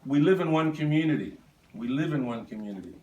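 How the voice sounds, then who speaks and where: A man's voice: a little high, animated, fast, warm tone, highs cut off, slight background noise. A man, giving an anecdotal speech at his birthday lunch. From Australia. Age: 70s. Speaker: birthday speaker. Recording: echoey room, voice from far off.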